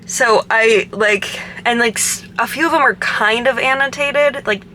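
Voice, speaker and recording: A woman's voice: fairly high pitch, unhurried, pushed and bright, a little hiss or hum. A young woman in her twenties talking casually to her camera from a parked car, rambling with many fillers. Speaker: vlogger. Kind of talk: casual vlog chat. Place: parked car in a parking garage.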